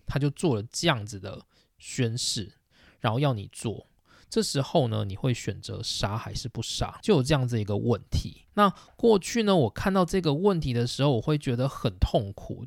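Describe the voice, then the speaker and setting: A man's voice: mid-range voice, vocal fry, a little mellow, no echo, clean studio sound. A man hosting a podcast, explaining ideas in a casual monologue and thinking aloud with fillers, with a Taiwanese Mandarin accent. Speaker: podcast host.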